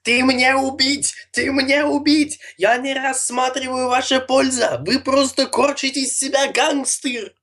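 Frantic pony stallion, shrill squeal, yelling, high, loud, odd tone. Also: male voice, fairly even intonation, a little slow, hardly any pauses, heavily acted.

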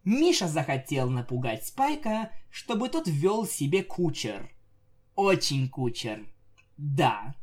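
A man narrating a comic fan fiction story with lively, jokey asides. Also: fairly high pitch, takes it slowly. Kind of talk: comic audiobook reading.

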